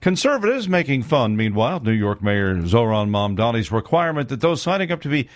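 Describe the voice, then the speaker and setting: A man reading scripted radio news as anchor in a measured, steady way. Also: medium pitch, dry recording, studio quality. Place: studio.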